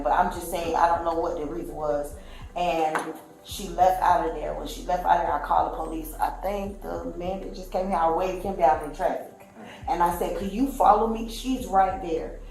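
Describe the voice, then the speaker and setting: Recounting events to police, a woman with a lowish, creaky, slightly mellow voice rambles through her story as a witness and acts out others' quoted speech. A very echoey room and faint music fill the recording.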